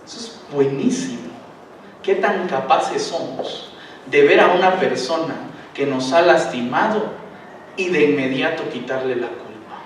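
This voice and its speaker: A male pastor preaching a sermon, animated and acting out voices in the parable while questioning the congregation. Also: a little high, measured pace, a little hiss or hum. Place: large church hall. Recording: echoey church hall from far off.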